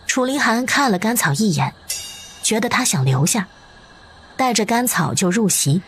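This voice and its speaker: Expressive woman narrating a cartoon. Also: medium pitch, normal speed, soft background music. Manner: expressive, story-reading. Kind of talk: storytelling narration.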